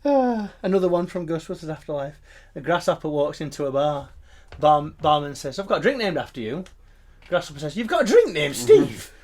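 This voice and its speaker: A man's voice: fairly high pitch, lively intonation, a little fast. A British man casually telling dad jokes to friends, mostly as a question followed by a punchline. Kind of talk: casual joke-swapping among friends.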